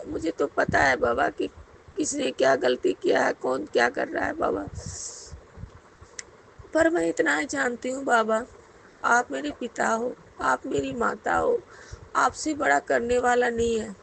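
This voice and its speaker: Gravelly, high-pitched woman pleading in prayer. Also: lively intonation, measured pace, a bit bright, slight background noise, rough recording. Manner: pleading, repeatedly addressing the guru. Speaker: devotee sharing a personal prayer. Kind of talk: spoken devotional prayer.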